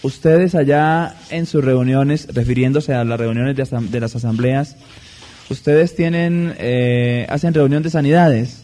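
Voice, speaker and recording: A man preaching a sermon in a measured, deliberate way, stressing key words. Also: medium pitch, warm tone.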